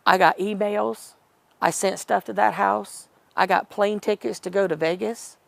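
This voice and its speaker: A woman's voice: mid-range voice, fairly even intonation, a little slow, creaky, no echo. A middle-aged woman telling a personal story in an interview, rambling and emotional, acting out what others said. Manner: rambling, emotional retelling with quoted dialogue. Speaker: interview guest.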